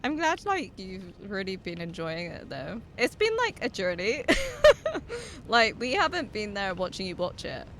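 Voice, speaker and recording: A woman's voice: mid-range voice, huge pitch swings, unhurried, fairly bright tone, slight background noise. A young woman streaming a game, chatting casually with viewers, laughing often, swearing and reading out their messages. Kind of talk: casual live-stream chat while gaming.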